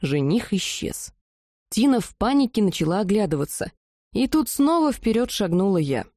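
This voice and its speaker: Woman narrator for a fantasy audiobook, mellow and warm, dry close recording. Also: medium pitch, sing-song, moderate pace, no echo.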